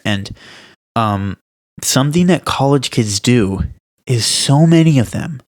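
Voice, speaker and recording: A young man co-hosting a podcast, chatting casually and telling stories with emphasis and laughter. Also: mid-range voice. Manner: animated, laughing, emphatic storytelling. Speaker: podcast co-host. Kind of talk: casual chat.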